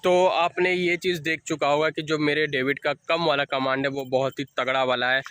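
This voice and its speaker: A man's voice: fairly high pitch, flat delivery, a little fast, a bit bright, smooth, dry recording. A young man walking his dog outdoors, chatting casually as he explains training tips and calls to the dog. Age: young adult. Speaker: dog owner vlogger. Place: outdoors on an evening walk by fields.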